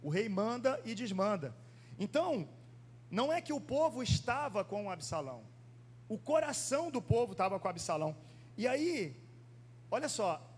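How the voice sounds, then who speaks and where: A man from Rio de Janeiro with a Brazilian Portuguese accent, preaching a sermon in church, reading scripture slowly and then asking the congregation rhetorical questions. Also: sits high, breathy edge. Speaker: pastor. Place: church sanctuary.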